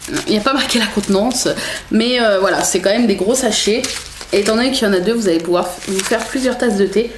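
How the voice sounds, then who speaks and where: A woman's voice: on the high side, reverberant, a little hiss or hum. Chatty young woman reviewing teas. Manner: chatty, many hesitations and self-corrections. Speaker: beauty box reviewer. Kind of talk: casual product review vlog.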